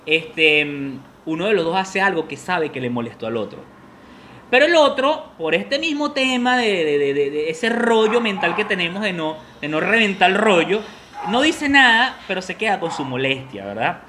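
Venezuelan man, casual chat host, bright voice, lively pitch, acts out voices, faint noise. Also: moderate pace. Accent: Venezuelan Spanish. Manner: animated storyteller acting out voices, laughs often. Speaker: podcast co-host.

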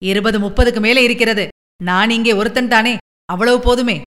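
Woman doing a loud, blunt village farmer. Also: fairly high pitch, fairly even intonation, moderate pace, close to an everyday voice. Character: plain-spoken adult male village farmer.

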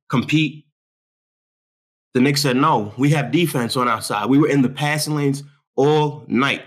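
A young man from New York talks sports on his own show, boastful and fired up. He leans on street slang, repeats himself for effect and keeps things animated. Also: mid-range voice. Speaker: show host. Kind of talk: hyped sports talk monologue.

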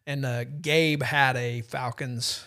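A man in his forties hosting a casual podcast chat, telling stories with a self-deprecating, animated manner. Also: mid-range voice, slow pace. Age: 40s. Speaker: podcast host.

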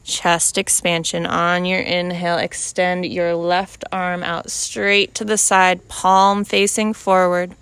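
A woman leads a guided yoga class in a slightly low, exceptionally smooth voice. She speaks very slowly and calmly, laying out each instruction in short, measured phrases. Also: dry recording. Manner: calm, unhurried cueing in short measured phrases.

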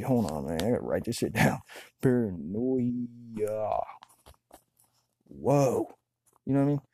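Man, mellow dark tone, stoned and loose, slangy profane solo ramble. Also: medium pitch, husky. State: high on weed. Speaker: solo talker. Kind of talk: casual rambling monologue.

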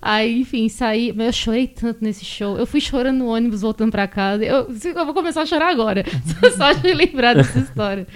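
Animated woman telling a story. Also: fairly high pitch, fairly quick, few pauses, clear, resonant tone. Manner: animated storyteller, acts out quoted voices. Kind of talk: casual chat.

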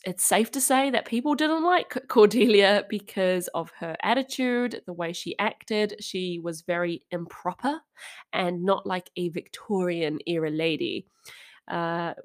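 A young adult woman hosting a podcast, telling a true-crime story in a casual, chatty and wry way with frequent asides. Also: on the low side. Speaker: podcast host.

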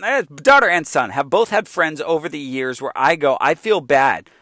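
A man, a father in his forties, talking casually and candidly with animated asides. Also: fairly high pitch, moderate pace, no echo, studio quality. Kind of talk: casual chat.

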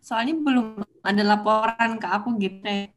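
A woman's voice: a little high, normal speed. A woman in a casual group chat, answering in a hesitant, unsure way. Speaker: discussion panelist.

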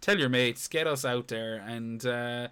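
A man's voice: medium pitch, measured pace, sharp tone, clean tone. A man with an Irish accent hosting a podcast in casual, freely sweary banter. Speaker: podcast host.

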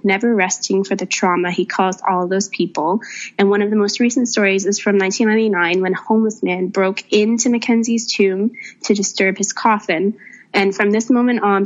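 Brief: a woman co-host narrating tales casually over slightly dull audio. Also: medium pitch. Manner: brisk, conversational storytelling. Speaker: podcast co-host. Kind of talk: storytelling podcast chat.

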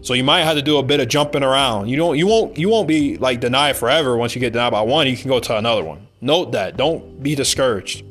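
A man's voice: medium pitch, expressive, quick pace, few pauses, fairly bright tone, soft background music. A man from the United States hosting a podcast, talking in a blunt, rambling casual monologue and swearing freely. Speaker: podcast host.

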